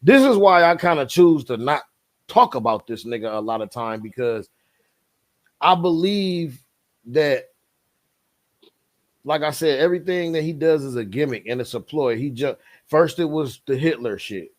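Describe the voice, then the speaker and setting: Animated higher-voiced man in casual chat. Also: normal speed, pauses often. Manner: animated, emphatic, frequent "bro" and "like". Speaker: podcast co-host.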